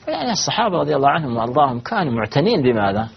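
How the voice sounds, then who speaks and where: A man's voice: medium pitch, very animated, creaky, slightly rough, dull audio. A man teaching a religious lesson to students. He asks questions and answers them himself, and he often stops and restarts mid-phrase. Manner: halting, with repeated false starts. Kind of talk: lecture to students.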